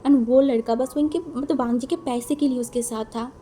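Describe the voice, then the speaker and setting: Female storyteller, casual and animated, high voice with a warm mellow tone. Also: moderate pace, faint music behind. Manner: animated, musing, repeats words while thinking. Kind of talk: casual fanfiction retelling.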